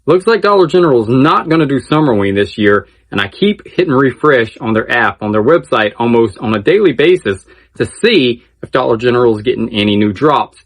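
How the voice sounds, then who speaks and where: A male channel host gives casual news-style commentary in a medium-pitched voice. He is chatty and enthusiastic, often repeating a phrase to stress it.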